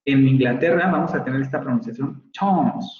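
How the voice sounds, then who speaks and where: Speaking at an ordinary speed with a medium-pitched voice, this man lectures a university phonetics course in a Mexican Spanish accent. He explains the material and says example words repeatedly to model their pronunciation. The recording sounds roomy and a bit dull, with faint ambience.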